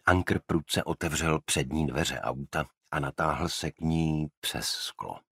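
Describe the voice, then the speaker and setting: A man narrating an audiobook in a measured, even reading on a close studio mic. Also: a bass voice, gravelly, husky, no echo. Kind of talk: scripted narration.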